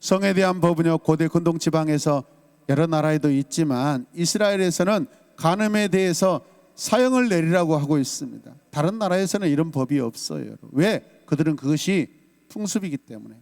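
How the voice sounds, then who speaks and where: Emphatic Korean pastor preaching in a reverberant hall. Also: male voice, on the high side, expressive, fairly quick, gravelly. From South Korea. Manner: emphatic preaching, shouts lines for the congregation to repeat. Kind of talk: sermon.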